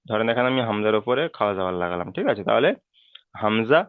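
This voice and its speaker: A man's voice: on the low side, racing, clear, resonant tone, no room sound. Patient male teacher on an online call. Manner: patient, repeats each step, checks in often. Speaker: Quran reading teacher. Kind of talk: online class, letter-by-letter drilling. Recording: dry, phone-like call audio.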